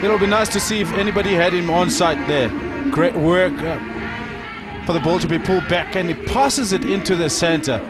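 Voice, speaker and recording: High-voiced male football analyst. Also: normal speed. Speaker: co-commentator, match analyst. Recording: loud crowd and music behind commentary. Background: loud crowd and music.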